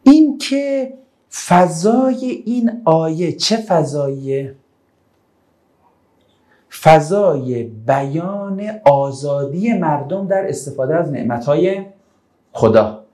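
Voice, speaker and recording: A man teaching Quran interpretation to a class, animated, calling on students one by one and turning down their answers. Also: on the high side. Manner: animated, calls on students and keeps rejecting answers. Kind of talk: classroom lecture with questions to students.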